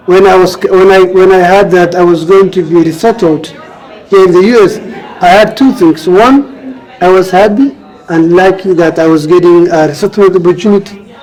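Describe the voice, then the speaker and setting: Through a rough recording, a high, steady, slightly mellow male voice answers interview questions at a moderate pace. The speaker is an author and refugee advocate from Somalia who grew up in Kenya, and in his Somali accent he explains things earnestly, repeating phrases for emphasis.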